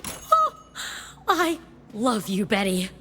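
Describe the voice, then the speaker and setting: An actress playing an excitable young woman who loves pop culture and gushes with enthusiasm. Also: a little high, takes it slowly, slight background noise, heavily acted. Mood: excited. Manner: gushing, enthusiastic. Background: game music.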